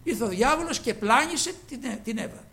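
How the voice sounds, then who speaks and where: A man preaching a sermon, with a high voice that leaps all over its range. His tone is gravelly, with fry at the ends of phrases. He moves from loud, fervent cries to hushed asides and acts out the voices he quotes. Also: lively intonation. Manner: fervent, swinging between loud exclamations and quiet asides.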